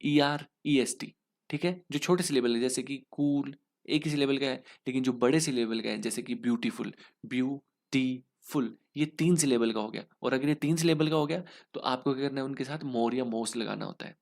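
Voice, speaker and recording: A man's voice: mid-range voice, fairly quick, gravelly, a little mellow. A young man with an Indian English accent, teaching an exam lesson in Hinglish and walking through each answer step by step, asking questions and answering them himself. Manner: explains step by step, asks then answers himself.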